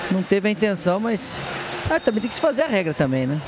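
Guy chatting football analysis on radio, high voice, bit halting, noisy muffled sound. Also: very animated. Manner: hesitant, repeats words, tag questions. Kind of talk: conversational live radio analysis. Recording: noisy, dull lo-fi stadium radio broadcast.

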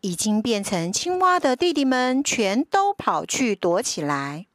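High-pitched woman reading slowly to a toddler. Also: no echo, studio quality. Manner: expressive, drawn-out, child-directed delivery as if reading to a toddler. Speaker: picture-book reader, podcast host. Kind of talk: animated storybook reading to young children.

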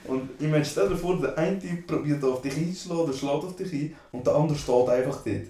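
A man's voice: fairly high pitch, brisk, dark tone. A young man with a Swiss German accent, co-hosting a podcast and telling a story in slangy casual chat full of tag questions. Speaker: podcast co-host. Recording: echoey room, distant from mic.

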